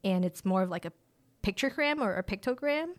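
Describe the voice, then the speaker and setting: A woman in her late twenties who grew up in rural China speaking a village language as her first tongue is a guest in a casual interview, where she is a director of family empowerment. Her medium-pitched voice moves fairly quickly, relaxed and chatty, full of "like" fillers.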